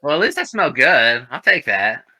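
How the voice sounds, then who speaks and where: Guy at the table cracking jokes, really bright tense voice. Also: medium pitch, sing-song, moderate pace. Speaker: player. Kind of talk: casual tabletop play.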